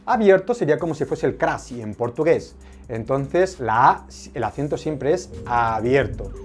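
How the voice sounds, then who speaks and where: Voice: medium pitch, expressive, moderate pace. Language teacher: methodical, hesitant fillers, faint background music. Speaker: online Spanish teacher. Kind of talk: explaining a language lesson to camera.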